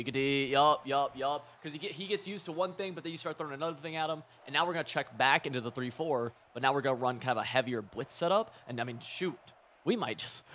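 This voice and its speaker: A hoarse man with a mid-range voice rambles excitably over live gameplay as a gaming video creator. He swings between coaching and side stories.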